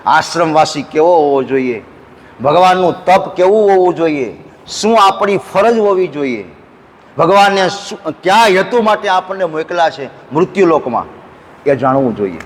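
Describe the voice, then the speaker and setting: A man preaching a devotional sermon at an ashram, telling folksy stories and breaking into slow sung verses. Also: a little high, animated, long reverb tail. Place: ashram hall.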